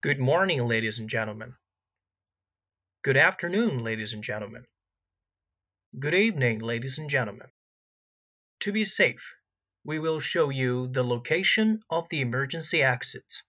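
A man delivers airline cabin announcements in a formal, measured, template-like way. His voice is bright and forceful. The recording sounds slightly dull and lo-fi. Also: mid-range voice, animated. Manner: formal, measured template reading with gaps for details. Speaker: in-flight announcer.

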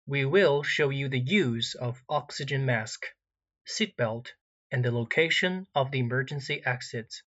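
A man's voice: mid-range voice, a bit bright, dull audio. Formal male airline cabin announcer. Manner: formal, measured template reading with gaps for details. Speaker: in-flight announcer.

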